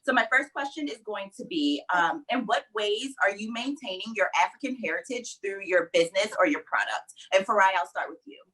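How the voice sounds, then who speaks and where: A woman's voice: mid-range voice, animated, a little fast, hardly any pauses, fairly bright tone, breathy edge, rough recording. A woman hosting an online panel in an upbeat, polite manner. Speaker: panel host.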